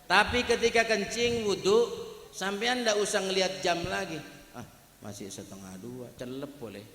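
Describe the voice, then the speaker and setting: A man's voice: high voice, moderate pace, sharp tone. A man preaching a humorous sermon at a wedding gathering, chatting and joking directly with the crowd. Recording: echoey hall with long reverb.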